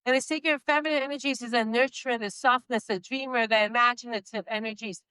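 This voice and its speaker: A motivational speaker whose first language is Spanish, with a slight accent, gives an emphatic, inspirational stage speech in a high, bright voice, drawing out her key lines and laughing lightly between points. Her tone is steady, her pace fairly quick and smooth. The recording is dry, close and low in quality.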